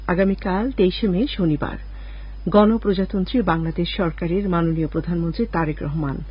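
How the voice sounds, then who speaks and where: A husky-voiced woman announcer reads a formal broadcast notice at an even, measured pace. Her voice comes through a fading, muffled lo-fi radio broadcast with the top end dulled. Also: fairly low pitch.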